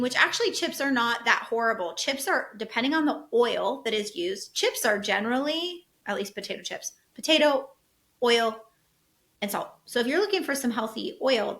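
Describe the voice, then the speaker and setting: Brief: middle-aged woman, podcast host and health coach, animated, chatty storyteller, slightly high voice. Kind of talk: casual solo podcast talk.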